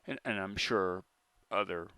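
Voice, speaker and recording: A man with a General American accent, giving a deliberate, argumentative monologue to camera with pauses and restarts. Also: deep voice, vocal fry, pushed and bright, clean tone, no room sound. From United States. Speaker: vlogger.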